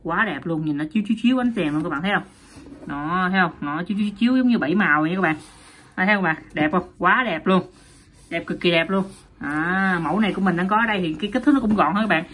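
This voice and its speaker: A woman talks fast through a toy unboxing, her voice a little low and husky. She chats to viewers constantly and keeps the tone loose and casual. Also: fairly bright tone. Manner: chatty, repeats "các bạn" often, laughs at herself. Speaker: toy reviewer.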